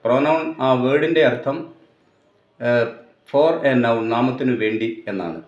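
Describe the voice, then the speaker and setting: A man with a Malayali accent teaching English grammar, explaining slowly and deliberately and mixing English terms into Malayalam. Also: medium pitch, lively intonation. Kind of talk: grammar lesson. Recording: echoey room, dull lo-fi sound.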